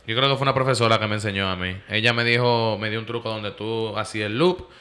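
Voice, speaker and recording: A man's voice: lowish voice, steady tone, fast, bright, forceful tone. A man with a Dominican accent chatting casually and slangily as a podcast co-host. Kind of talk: casual chat.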